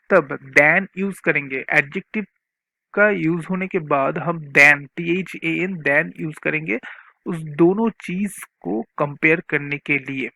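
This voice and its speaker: Slow, gravelly grammar teacher. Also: male voice, a little high, bright, forceful tone, dry recording. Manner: slow, repeats points, reads examples out word by word. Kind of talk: explaining grammar from a chart, mixing Hindi and English.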